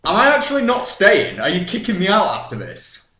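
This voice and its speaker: A man's voice: high voice, wildly swooping pitch, a little fast, sharp tone. A young man co-hosting a podcast, teasing and blunt, swearing freely in casual chat. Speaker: podcast co-host. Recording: echoey room.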